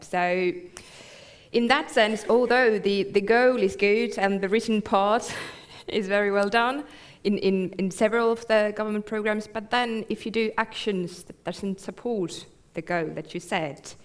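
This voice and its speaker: Woman from northern Finland, mid-pitched, thoughtful panel answers. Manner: thoughtful, with small laughs, trailing off softly.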